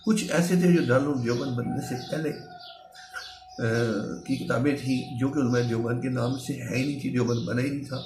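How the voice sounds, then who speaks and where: A man giving a measured religious lecture, patiently explaining his points with worked examples. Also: medium pitch, music in the background. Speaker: religious speaker. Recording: echoey room.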